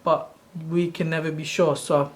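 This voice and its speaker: A man in his thirties, from Sri Lanka, walking viewers through a tutorial on his screen. His voice sits a little high for a man and stays flat, with little rise and fall. He wanders off track and corrects himself mid-sentence, like someone chatting casually rather than reading a script. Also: normal speed, slight background noise. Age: 30s. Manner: loose, rambling explanation with self-corrections. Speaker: channel host.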